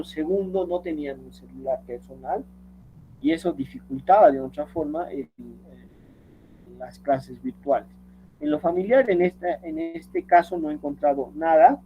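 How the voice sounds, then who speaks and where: A man's voice: fairly high pitch, creaky, dark tone, a little hiss or hum, rough recording. A man teaching a lesson, explaining step by step and reading quotes aloud, often checking with "¿no?". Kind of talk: screen-share tutorial lecture.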